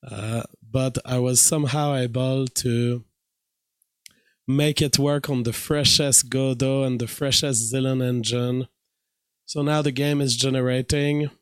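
A man with a weak voice giving a casual, halting tutorial narration as he presents a screen recording. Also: mid-range voice, steady tone, smooth, no echo. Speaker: streamer and hobby game programmer.

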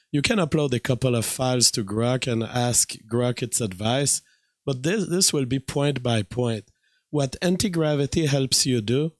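A man with a weak voice giving a casual, halting tutorial narration as he presents a screen recording. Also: mid-range voice, no echo. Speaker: streamer and hobby game programmer.

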